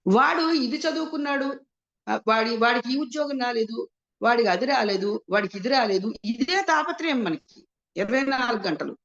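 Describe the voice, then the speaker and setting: Through a muffled, lo-fi recording, a spiritual teacher explains scripture in a fairly high, slightly bright voice with lively intonation at a normal pace. She asks herself rhetorical questions, answers them, and weaves English words into what she says.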